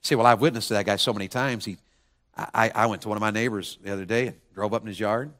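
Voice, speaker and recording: A man preaching a sermon as pastor, impassioned, swinging from quiet to near shouting with many rhetorical questions. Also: fairly low pitch, steady tone, fast talker.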